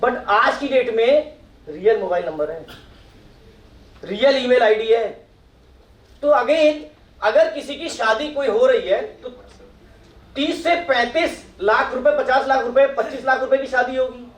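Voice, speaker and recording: Man, very high voice, middle-aged, speaking to an audience, echoey hall from far off. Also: measured pace, long pauses. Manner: asks the audience questions and acts out their replies. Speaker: speaker at a professional meet. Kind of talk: motivational talk to an audience.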